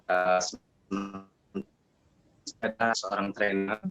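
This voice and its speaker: A man's voice: on the low side, level tone, a bit bright, clear, resonant tone. A male trainer opening an online seminar, hesitant and full of fillers, his video call audio cutting in and out. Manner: halting, hesitant with many fillers. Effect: video call audio breaking up and cutting out. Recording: dull lo-fi breaking video call.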